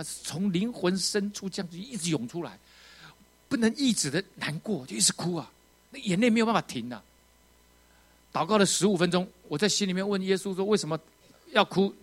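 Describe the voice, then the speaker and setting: A man preaching a testimony, telling his story with strong feeling, rising to loud outbursts and dropping to quiet moments. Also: high-pitched, fairly quick. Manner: emotional, animated storytelling with sudden loud outbursts and quiet drops. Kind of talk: sermon testimony.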